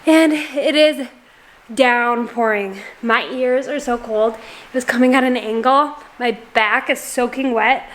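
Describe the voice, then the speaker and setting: A woman's voice: fairly high pitch, steady tone, a little slow, fairly bright tone. A woman vlogging casually about her garden, chatty and rambling, now and then sighing. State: out of breath. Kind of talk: casual vlog talk to camera. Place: garage, storm outside.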